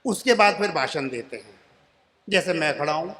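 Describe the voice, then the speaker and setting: A comic poet in his sixties takes the stage at a poetry gathering, mixing humorous verse with storytelling, repeating couplet lines before each punchline and addressing the crowd as friends. His voice is a little high and a bit bright, expressive, at a moderate pace.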